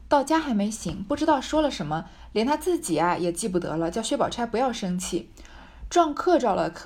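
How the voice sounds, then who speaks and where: A woman's voice: mid-range voice, darkish tone. A woman reading a classic novel aloud and musing over it with a few fillers. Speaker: reader and commentator.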